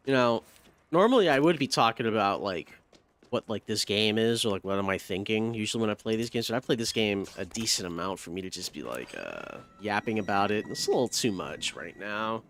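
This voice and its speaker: A man streaming a video game with very lively, swinging pitch. He chats to himself in casual, sweary slang and is prone to excitable outbursts. There is faint noise and game ambience behind him. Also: a little fast. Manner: profane, slangy, talks to himself. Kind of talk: casual live gameplay commentary.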